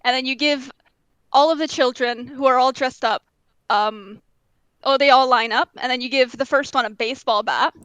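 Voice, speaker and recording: A woman's voice: high-pitched, normal speed, clean tone, dry recording. A woman who grew up in Denmark, co-hosting a casual podcast and telling stories at an easy pace with many fillers. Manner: relaxed storytelling with many fillers. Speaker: podcast co-host. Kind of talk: casual chat.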